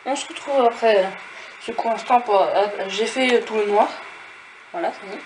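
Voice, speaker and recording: A man's voice: sits high, normal speed. Sniffly man counting squares aloud. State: stuffy, sniffling from a cold. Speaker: tutorial host. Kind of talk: casual step-by-step tutorial. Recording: echoey room with background noise.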